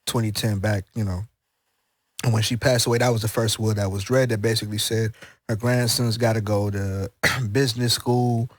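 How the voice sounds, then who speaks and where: A man's voice: lowish voice, steady tone, normal speed, no echo. A man co-hosting a casual podcast, talking in a loose, rambling, slangy way with many restarts. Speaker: podcast co-host.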